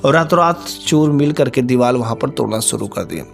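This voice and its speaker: Gravelly male folk storyteller. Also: mid-range voice, expressive, brisk, soft background music. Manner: repetitive, homespun storytelling. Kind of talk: folk tale narration.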